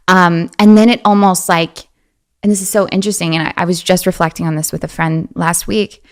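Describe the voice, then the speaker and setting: This is a woman in her twenties appearing as an interview guest; her casual talk is animated and often drifts into a high, girlish voice.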